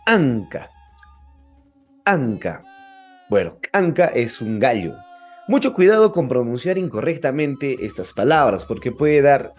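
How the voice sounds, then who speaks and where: A man teaching a pronunciation lesson, repeating each example word slowly and clearly. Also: medium pitch, a little mellow. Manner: slow, drawn-out repetition of example words. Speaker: language teacher.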